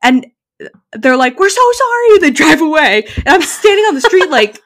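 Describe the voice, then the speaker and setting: High-pitched and speaking at a moderate pace, a chatty young woman recounts a story with plenty of animation. She's a podcast co-host in a casual conversation, often saying "like" and "literally."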